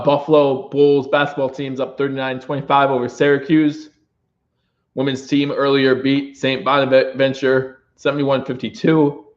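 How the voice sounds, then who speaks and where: A man's voice: medium pitch, roomy sound, muffled recording. A young man hosting a fan livestream, giving emotional play-by-play and reading out chat comments. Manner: emotional, swinging from choked-up talk to excited calls; reads out viewer chat comments. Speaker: livestream host.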